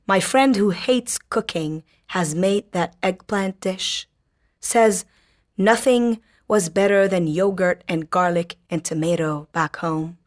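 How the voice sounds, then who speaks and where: Soft-spoken Lebanese-born woman poet. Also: lowish voice, slow pace. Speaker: poet guest. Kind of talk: interview and poetry reading.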